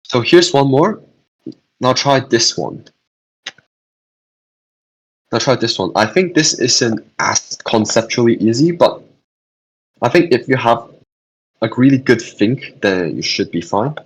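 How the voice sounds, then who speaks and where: A man's voice: medium pitch, animated, takes it slowly, pauses often, husky, rough recording. A young man hosting an online physics revision session, talking casually, answering chat questions and often repeating and restarting his phrases.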